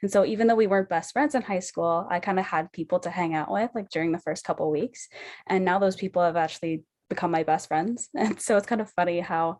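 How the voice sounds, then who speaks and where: A young woman from the Toronto area co-hosts with a relaxed, curious manner. Her voice sits lower than most. She draws guests out with easygoing questions. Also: fast talker. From Greater Toronto Area. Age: young adult. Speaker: podcast co-host. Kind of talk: casual interview conversation.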